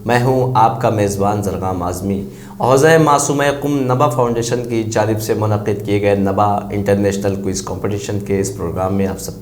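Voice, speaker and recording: A man's voice: fairly low pitch, roomy sound. A man hosting a religious quiz program, introducing his guest politely and formally. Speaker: quiz show host.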